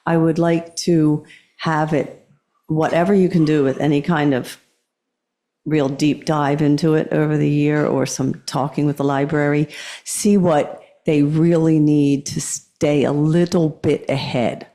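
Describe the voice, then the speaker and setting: A woman's voice: low-pitched, flat delivery, unhurried, dark tone. A woman giving tentative public comment at a meeting, thinking aloud as she goes. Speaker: community member at town meeting. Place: indoor public meeting room.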